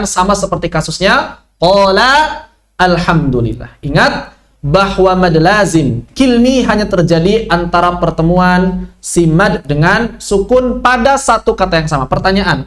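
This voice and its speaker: A man teaching Quran recitation rules in an online lesson, asking questions and answering them himself. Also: sits high.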